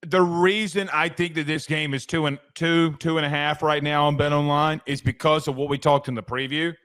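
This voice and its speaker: A man co-hosts a casual sports podcast, trading picks with his partner in loose, friendly chat. He often stumbles and restarts his sentences, and his voice is somewhat high for a man. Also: steady tone, moderate pace, a bit bright. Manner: stammering restarts, talks to co-host by name. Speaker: podcast co-host.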